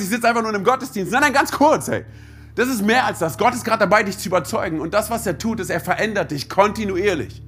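A man with a high-pitched voice delivers a sermon straight to his congregation. He talks with urgent emphasis, often breaking in with short calls for attention. Faint music plays behind him. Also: a bit bright. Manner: emphatic, punctuates with "hey" and "oder?"; pleading preacher, addresses congregation directly. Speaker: pastor.

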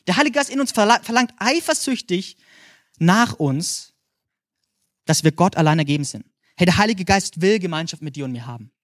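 A young man from Franconia, speaking with a Franconian German accent, preaches a sermon in an energetic, animated way, often calling out "hey" and asking "ja?". His voice is high-pitched at a moderate pace, recorded in studio quality with no room sound.

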